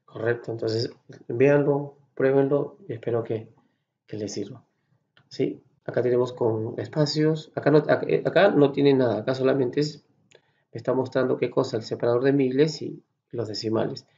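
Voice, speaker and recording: A man from Peru with a Peruvian accent, patiently explaining a software tutorial step by step and checking in with his students. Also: medium pitch, steady tone, moderate pace, highs cut off. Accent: Peruvian Spanish. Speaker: Excel course instructor. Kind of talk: screen-recorded software tutorial.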